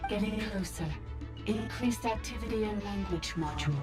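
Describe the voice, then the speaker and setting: An actress voicing an ancient, formal machine being whose voice comes through a choppy, breaking-up signal. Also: female voice, medium pitch, normal speed. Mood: detached. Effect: choppy, breaking-up transmitted signal. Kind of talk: game voice acting. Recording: echoey studio mix with game music.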